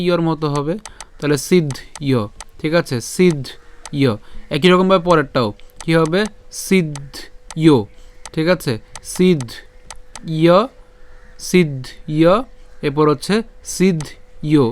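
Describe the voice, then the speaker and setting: A man teaching the pronunciation of a Sanskrit verse syllable by syllable, asking and answering his own questions and chanting the lines slowly. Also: fairly high pitch, clean tone. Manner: breaks words into syllables, repeats them, asks and answers his own questions. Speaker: Gita recitation teacher. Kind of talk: step-by-step Sanskrit pronunciation lesson.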